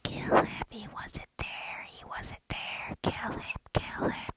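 A storyteller voicing the imaginary voices in a boy's head, chanting menacing urges in a hushed whisper. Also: takes it slowly, natural voice.

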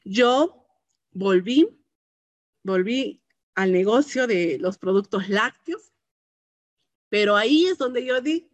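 A woman's voice: mid-range voice, no room sound. A woman giving a heartfelt personal testimony, often ending phrases with a questioning tag. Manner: earnest and heartfelt, tags phrases with "¿no?". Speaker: business entrepreneur giving a testimony.

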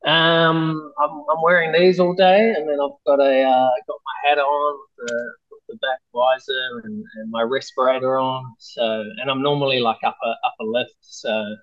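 Man with a broad Kiwi accent, evenly pitched. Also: steady tone, normal speed, hardly any pauses, dull audio. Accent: broad New Zealand. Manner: laid-back, hesitant, informal phrasing. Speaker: interview guest, mural artist. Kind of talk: casual interview chat.

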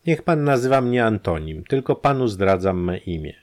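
A man voicing a secretive, resigned prisoner who answers tersely and calmly in an audiobook. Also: lowish voice, normal speed. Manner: terse and calm.

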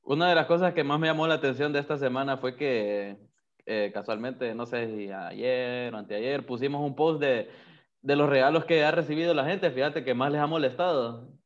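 A man's voice: medium pitch, normal speed. A man, co-hosting a podcast with joking casual chat. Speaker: podcast co-host. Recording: dull, muffled sound.

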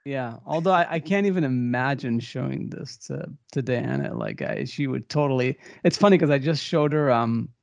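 A man's voice: medium pitch, sing-song, moderate pace, vocal fry, few pauses, dry recording, highs cut off. A man co-hosting a podcast in casual chat, rambling with fillers and laughing often. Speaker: podcast co-host.

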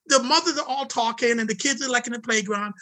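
A man guest telling a story in conversation, animated and emphatic. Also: extremely high pitch, fast talker, rough recording.

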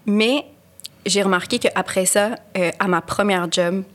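A woman's voice: medium pitch, unhurried. Laughing young woman. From Quebec, Canada. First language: Spanish. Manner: animated storyteller, laughs often, mixes French and English. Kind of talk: casual chat.

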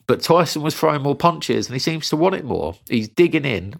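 A man hosting a podcast, giving a casual round-by-round review of a fight with chatty, animated storytelling. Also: a little high, a little fast, gravelly. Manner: chatty, animated storytelling, says "mate" a lot. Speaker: podcast host.

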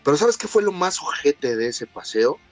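A man's voice: on the high side, normal speed, soft background music. A man with a Mexican accent telling childhood stories in casual, slangy chat, acting out what people said. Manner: animated, slangy, acts out quotes.

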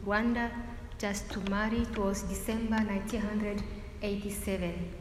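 A woman from Central Africa who grew up in Congo, giving a personal testimony to an audience, slow and measured as she searches for her words. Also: medium pitch, flat delivery. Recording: echoey hall with background noise.

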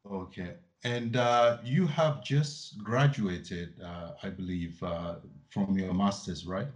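A Tanzanian man hosts a podcast interview in a low-pitched voice at a slow pace. He asks his questions hesitantly, with many filler sounds.

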